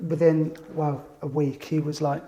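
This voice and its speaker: A man's voice: on the high side, flat delivery, measured pace, reverberant, a loud crowd. A man, a business-owner guest telling rambling stories with lots of restarts in casual chat. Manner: rambling anecdotal storytelling with restarts.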